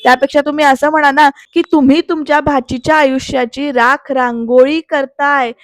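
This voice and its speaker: A woman reading out the lines of a sharp-tongued, scornful middle-aged woman who fires off accusing questions. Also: sits high, steady tone, normal speed, dry recording, natural voice.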